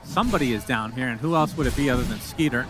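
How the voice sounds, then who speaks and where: A man doing play-by-play commentary on an esports match, getting louder and higher on big plays. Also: fast talker, over music. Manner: excitable, rises in pitch on big plays. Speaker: esports caster.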